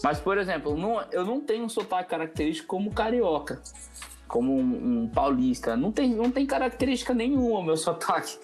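A man from Mato Grosso do Sul talking as a podcast guest, relaxed and rambling, repeating phrases and dropping in slang. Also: high voice, fairly quick, soft background music. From Mato Grosso do Sul, Brazil. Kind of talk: casual podcast interview.

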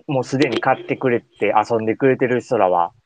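A man's voice: mid-range voice, fairly quick, a little mellow, slight background noise, poor audio. A man with a Kansai accent hosting a radio show in casual, colloquial chat. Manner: informal, colloquial.

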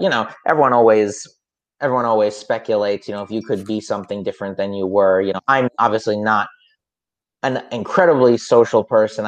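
This fairly low-pitched, slightly nasal man is a music teacher chatting casually on a podcast, and the recording has its highs cut off. He talks in a hesitant, rambling way, restarting often and leaning on fillers.

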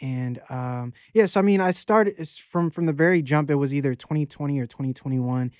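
Here a guest rapper, roughly thirty and from Baltimore, Maryland, talks in a loose, rambling interview, restarting often, leaning on fillers and cursing casually. He sounds a little high, a little fast and a little mellow, in clean studio sound without echo.

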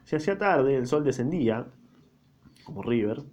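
A man's voice: mid-range voice, expressive, moderate pace, darkish tone. A man with a Rioplatense accent reading a book aloud and breaking in with casual, slangy comments, in a slightly dull lo-fi recording. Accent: Rioplatense Spanish. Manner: informal slangy asides.

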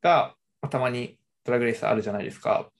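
A young adult in easygoing conversation, voice sitting at an ordinary middle pitch. The talk wanders along with fillers and self-corrections, unhurried and relaxed. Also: vocal fry. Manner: relaxed, hesitant, many fillers and restarts. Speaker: conversation partner. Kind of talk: casual chat.

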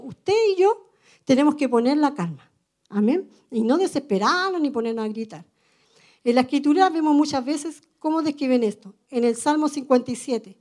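High-voiced Chilean woman preaching. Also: a little mellow. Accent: Chilean Spanish. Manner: earnest, conversational, often adds "amen", tells personal stories. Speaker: preacher at a women's meeting. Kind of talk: sermon.

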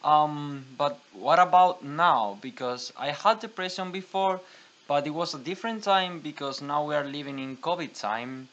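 A man's voice: on the high side, moderate pace, fairly bright tone, dull audio. A man hosts a casual podcast, introducing guests and asking questions in a conversational way. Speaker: podcast host.

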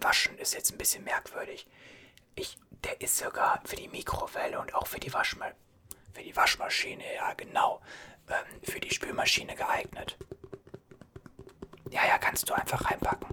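A man's voice: normal speed, natural voice. A man whispering as a chatty, soothing gas station cashier in an ASMR roleplay, reassuring and rambling.

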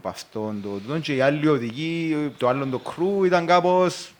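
Joking Cypriot Greek man hosting. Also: on the high side. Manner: relaxed, joking, acts out quotes. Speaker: podcast host. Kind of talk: casual podcast conversation.

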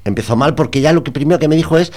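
A man from Spain hosting a casual podcast, telling a comic story in an animated, mock-indignant way. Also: fairly high pitch, rapid-fire. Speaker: podcast host.

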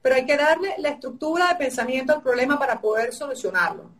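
A woman's voice: sits high, lively intonation, quick pace, far from the mic. A woman giving emphatic, repetitive advice on a live stream, her voice tired and sore-throated. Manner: emphatic, repetitive teaching phrasing. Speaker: guest coach.

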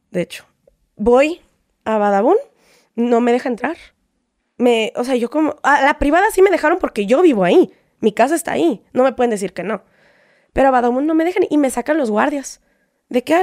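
Mexican woman, high voice, dry close sound; animated storyteller who slips into quoted voices, casual guest chat. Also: normal speed, long pauses, no room sound. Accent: Mexican Spanish. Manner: animated, acts out quoted exchanges, frequent tag questions. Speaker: guest telling a personal story.

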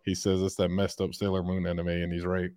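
A man hosting a podcast in casual commentary, blunt and profane, breaking into loud laughter. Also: low voice, completely flat delivery, a little fast, no room sound, clean studio sound. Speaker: podcast host.

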